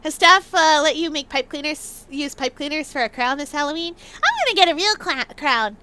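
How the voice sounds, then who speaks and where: Excitable high-pitched woman livestreamer. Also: normal speed, heavy background noise. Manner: excitable, bouncy, repeats words for emphasis. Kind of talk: playful livestream chat.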